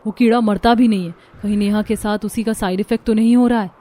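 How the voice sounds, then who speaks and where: A woman's voice: mid-range voice, fairly even intonation, quick pace, warm tone, natural voice. A woman voicing a chatty daughter-in-law who explains her worries in a cartoon story. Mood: worried.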